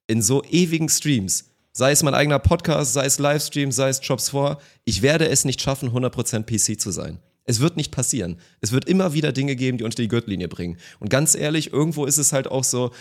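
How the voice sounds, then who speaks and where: Fast-talking man ranting on a podcast. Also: mid-range voice. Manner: animated, ranting, rhetorical questions. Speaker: podcast co-host. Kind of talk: casual podcast chat.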